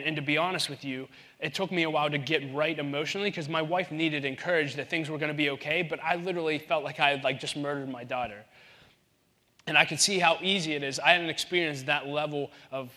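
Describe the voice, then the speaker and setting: A man in his thirties preaching a sermon in an animated way, acting out the voices in the Bible story. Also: a little high, a little fast. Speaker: pastor.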